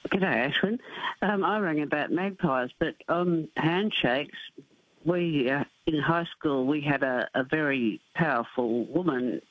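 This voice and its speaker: A woman's voice: low voice, unhurried. A woman in her seventies with an Australian accent, speaking through missing front teeth on a dull, muffled phone call. She tells casual anecdotes and gives firm, matter-of-fact advice, with a dry, close sound free of echo. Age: 70s. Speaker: radio phone-in caller. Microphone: telephone.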